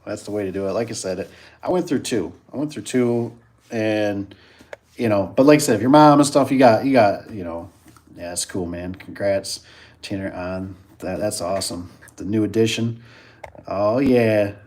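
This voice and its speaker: A man's voice: on the low side, normal speed, a little mellow. A man chatting casually as host of a live stream, rambling and repeating himself while reacting to viewers.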